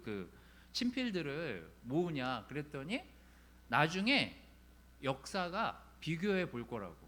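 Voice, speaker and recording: Animated high-voiced male pastor preaching. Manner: animated, conversational preaching with rising emphasis. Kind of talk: sermon.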